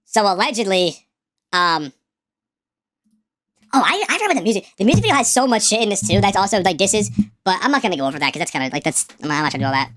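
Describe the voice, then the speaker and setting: A woman's voice: medium pitch, big pitch swings, fast talker, long pauses, a bit bright. A woman giving casual reaction commentary on songs, slangy and profane, often repeating words as she stumbles. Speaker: music reaction streamer. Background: faint song playing.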